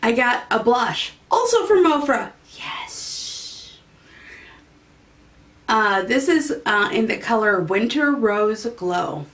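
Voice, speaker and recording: A woman's voice: on the high side, animated, unhurried, few pauses, fairly bright tone. A woman beauty vlogger casually chatting through a makeup unboxing, rambling and easily delighted, sometimes in a sing-song voice.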